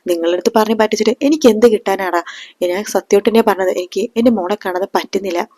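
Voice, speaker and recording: A woman's voice: medium pitch, quick pace, mellow, no echo, close to an everyday voice. A woman voicing a remorseful middle-aged man who pleads that he longs to see his daughter. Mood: pleading.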